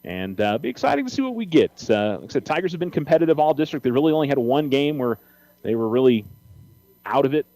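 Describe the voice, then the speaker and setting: A man's voice: mid-range voice, very animated, quick pace, warm tone, dry recording. An American man hosting a sports radio show, talking off the cuff through baseball pregame commentary with frequent hesitations.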